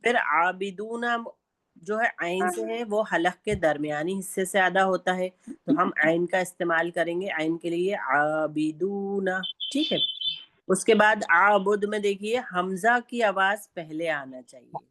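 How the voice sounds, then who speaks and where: A woman with a Pakistani Urdu accent teaching Quran recitation in an online class, speaking slowly and patiently and stretching out sounds to demonstrate them. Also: mid-range voice, fairly bright tone.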